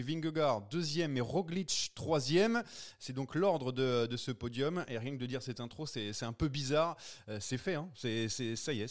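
Chatty male podcast host, slightly high. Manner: sings the intro, then chatty with fillers and restarts. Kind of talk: casual cycling podcast chat.

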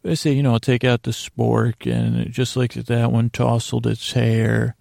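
In a clean, dry studio recording, a podcast host with a gravelly, creaky voice drifts through a halting bedtime monologue full of digressions that often trail off, all to help listeners fall asleep. His medium-pitched voice is darkish yet lively in intonation.

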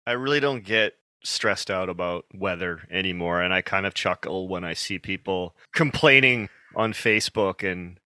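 Male podcast guest, lowish and bright, easygoing, reflective conversational delivery, close dry sound. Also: normal speed, hardly any pauses, no room sound. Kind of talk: casual conversation.

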